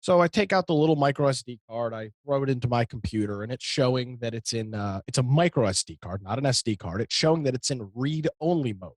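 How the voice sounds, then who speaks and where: A man's voice: medium pitch, fast talker, few pauses, no echo. An American man co-hosting a talk show, speaking casually and telling stories with emphatic exasperation. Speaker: co-host of a computer talk show.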